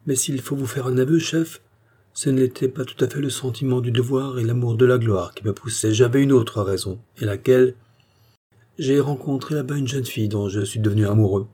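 An eager, lovesick young police inspector, read by a male audiobook narrator, with a dark, husky voice. He speaks earnestly and keenly to his superior. It stays close to the reader's own voice. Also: mid-range voice, a little fast, lightly acted.

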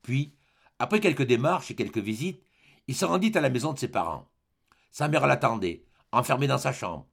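A man reading a classic novel aloud as an audiobook narrator, in measured, expressive storytelling. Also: mid-range voice, gravelly, slightly rough. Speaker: audiobook reader.

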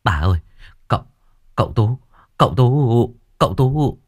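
A man's voice: mid-range voice, animated, a little slow, husky, pitched above the performer's own voice. A man voicing a panicked young male servant who stammers as he calls out. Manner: stammering, breathless.

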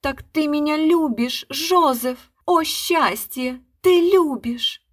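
A woman voicing a sleepy, vain actress who delivers her lines in the shrill whine of an offended schoolgirl. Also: animated, unhurried. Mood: ecstatic. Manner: shrill, whining.

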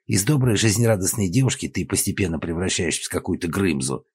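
A man voicing a weary, exasperated young man in an audiobook, with a husky voice. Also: low voice, animated, quick pace, a little mellow, no echo.

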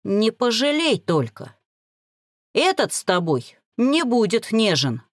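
A woman's voice: fairly high pitch, sing-song, slow, no echo, voice pushed up, heavily acted. A woman voicing a domineering male warrior chief who growls curt demands. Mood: commanding.

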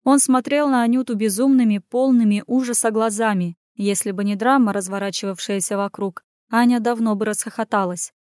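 A woman reading a fantasy story aloud in brisk, even narration. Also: fairly high pitch, no room sound, clean studio sound. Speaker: audiobook narrator.

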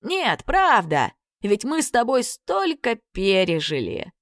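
Woman doing a two-headed serpent, high and wheedling, overfamiliar, storybook figure, dry close sound. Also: huge pitch swings, takes it slowly, a bit bright, no room sound, full character voice. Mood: confiding, wheedling. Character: chatty two-headed male serpent, smarmy, self-pitying.

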